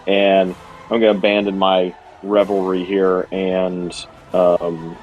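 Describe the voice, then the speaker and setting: Low, flat-voiced man, slow and halting. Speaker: tabletop game player. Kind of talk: casual game chat. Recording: dull lo-fi audio, faint music.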